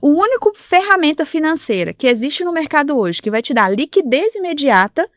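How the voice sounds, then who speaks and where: Fast-talking woman telling stories on a podcast. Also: sits high, big pitch swings, no room sound, clean studio sound. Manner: storytelling, acting out quoted dialogue. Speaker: podcast guest, insurance advisor. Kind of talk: casual podcast conversation. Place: podcast studio.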